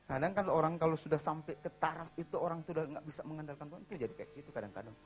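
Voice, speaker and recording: A man's voice: on the high side, very fast. A man preaching in a church, telling a story in a casual way with dramatic acted voices. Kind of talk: storytelling sermon.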